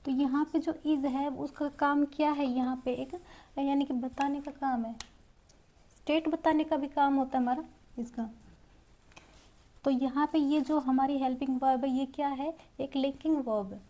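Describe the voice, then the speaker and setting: Woman, grammar teacher, high voice, mellow tone, step-by-step explaining, repeats examples. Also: fairly even intonation, moderate pace. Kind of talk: Hindi-medium grammar lesson.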